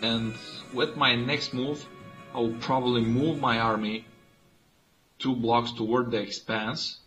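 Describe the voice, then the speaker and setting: A man from Bulgaria, a native Bulgarian speaker, calmly and methodically explaining his moves in a strategy board game. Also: medium pitch, a little slow, soft background music, low-quality recording. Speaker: player. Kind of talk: let's play commentary.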